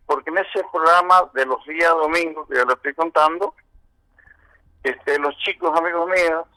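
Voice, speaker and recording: A man's voice: on the high side, bright, forceful tone, no room sound, rough recording. A man in his seventies with an Argentine accent, a veteran musician recounting his early years in a long, winding interview answer full of "este" and "eh". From San Juan, Argentina. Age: 70s.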